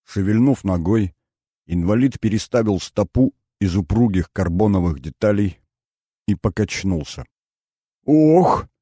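A man narrating a novel in the first person, reading in a measured storytelling manner. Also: on the low side, mellow, breathy edge, no room sound, clean studio sound. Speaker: audiobook narrator.

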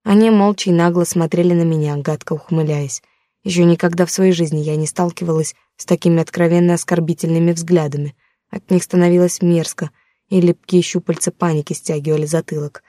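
A woman's voice: fairly low pitch, steady tone, fairly quick, mellow, no room sound. A woman narrating a first-person audiobook in a tense, dramatic storytelling manner, close to the mic.

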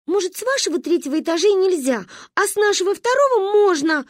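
A shrill excitable little girl. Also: unhurried, no echo, clean studio sound, heavily acted. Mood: insistent. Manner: shrill, wailing when upset.

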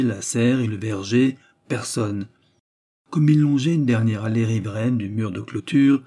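A man reading a novel aloud as an audiobook, in steady, measured narration. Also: mid-range voice, husky. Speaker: audiobook reader.

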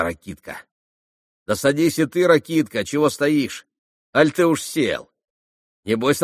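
A man reading an audiobook, voicing an excitable, teasing young woman who chatters playfully. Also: medium pitch, no room sound, clean studio sound, voice pushed up. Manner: chattering, playful, mock-scolding. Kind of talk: audiobook character voice.

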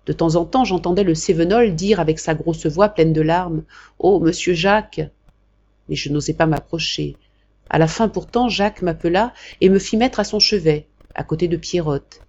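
Narratrice de livre audio au son un peu sourd. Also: female voice, on the low side, moderate pace, dark tone, dull audio. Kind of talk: scripted narration.

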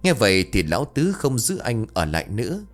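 Man, storyteller, low voice, lively intonation, ghost story narration, soft background music. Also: fairly quick. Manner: expressive, dramatic storytelling.

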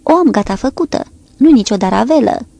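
A woman's voice: on the high side, expressive, vocal fry, dark tone, no room sound, voice pushed up. A woman narrator voicing a loyal, plain-spoken male sailor who eagerly looks after his commander.

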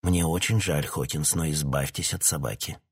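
Stern weary officer, curt orders, deep husky voice, audiobook, a man acting it. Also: moderate pace, heavily acted. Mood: regretful. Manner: curt and commanding, shouts when pushed.

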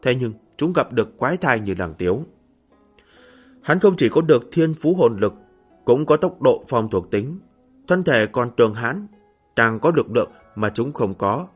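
Husky male audiobook narrator. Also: mid-range voice, animated, moderate pace, faint music behind. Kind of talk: scripted fantasy novel narration.

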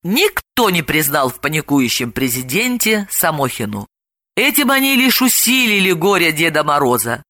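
Bright, animated woman reading aloud. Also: low voice, moderate pace, no room sound. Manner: expressive, switches voices for characters. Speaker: narrator. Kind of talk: audiobook narration with voiced characters.

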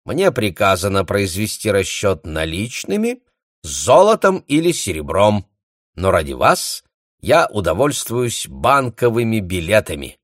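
Loud brusque bailiff voiced by a man, raised high and barking, audiobook. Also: very animated, unhurried, no echo, clean studio sound. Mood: curt. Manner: barking, emphatic.

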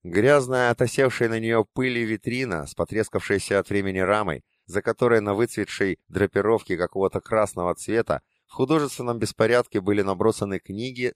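Low-voiced male audiobook narrator. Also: no room sound, clean studio sound. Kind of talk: first-person audiobook narration.

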